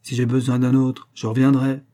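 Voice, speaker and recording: A man's voice: medium pitch, flat delivery, moderate pace, warm tone, natural voice. A man reading the part of a brusque, self-important small-town mayor, in a dismissive tone.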